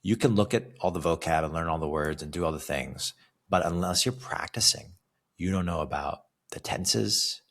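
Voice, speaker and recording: A man from California, a fitness coach, gives a motivational monologue on his solo podcast in a low, gravelly voice at a moderate pace. He talks casually and conversationally, frequently ending lines with a questioning "right?".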